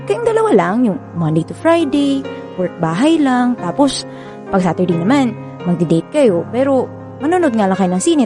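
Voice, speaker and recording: In a radio drama, a high-pitched woman with a Filipino accent plays a frank, caring best friend offering advice. Her delivery is candid and reassuring, with expressive, drawn-out emphasis.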